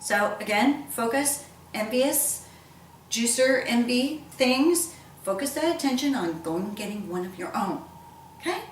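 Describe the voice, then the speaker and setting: A woman's voice: a little high, expressive, unhurried. A woman hosting a casual recipe demonstration, rambling playfully to viewers with theatrical exclamations. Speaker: cooking show host. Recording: echoey room, distant mic, background noise.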